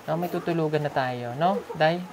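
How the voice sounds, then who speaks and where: A woman's voice: deep voice, moderate pace, background noise. Chatty, coaxing woman vlogger. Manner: coaxing, teasing, lots of questions. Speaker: vlogger visiting a sponsored child. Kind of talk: casual vlog chat. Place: at a rural family home.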